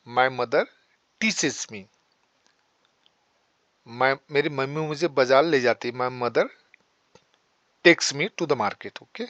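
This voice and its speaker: Male English tutor, unhurried, drills example sentences, dry close sound. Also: mid-range voice, a bit bright, no room sound, lo-fi sound. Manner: explains in Hindi, models slow English sentences. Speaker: English teacher. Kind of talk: spoken English lesson.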